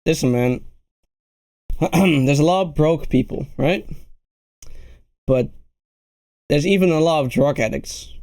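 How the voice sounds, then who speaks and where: Male reactor, hoarse and fading, slow and dry. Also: on the high side, a little mellow, no echo. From Netherlands. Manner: rambling, laid-back, calls the listener bro. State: hoarse, losing his voice. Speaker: reaction video host. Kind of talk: casual reaction commentary.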